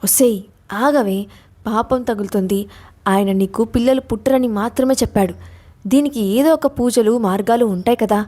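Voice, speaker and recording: A woman's voice: fairly high pitch, moderate pace, warm tone, lightly acted. A woman voicing an anxious, pleading young friend. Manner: pleading, soothing.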